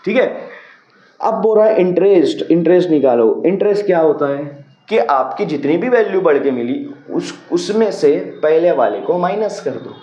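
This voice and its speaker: A man's voice: fairly high pitch, animated, normal speed, dark tone. A man teaching a maths lesson, patiently working through a problem step by step, often asking a question and answering it himself. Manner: patient, repeats key steps, asks and answers own questions. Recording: roomy, dull lo-fi sound.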